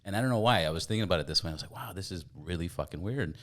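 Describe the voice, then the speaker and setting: A man hosts a podcast in a casual, animated way, dropping in loose profanity as he talks. His voice sits very deep, among the lowest for men. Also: racing. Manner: animated storytelling, swearing casually. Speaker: podcast host. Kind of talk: casual conversational interview.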